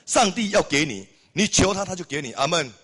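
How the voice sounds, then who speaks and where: Man, preacher, sermon, impassioned, loud exclamations. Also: high-pitched, very animated, a little fast, husky. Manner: impassioned, building to loud exclamations with repeated amens.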